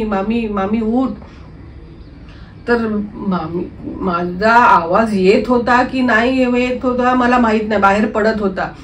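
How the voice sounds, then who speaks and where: A woman's voice: on the high side, distant mic, a little hiss or hum. Woman retelling a true ghost story. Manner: unscripted retelling, frequent fillers and clearing throat. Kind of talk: first-person true story narration.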